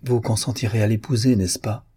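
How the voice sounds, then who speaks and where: Guy reading gentle young musician lady, coaxing softly, husky voice. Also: fairly low pitch, steady tone, brisk. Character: gentle calm young woman musician, tactful.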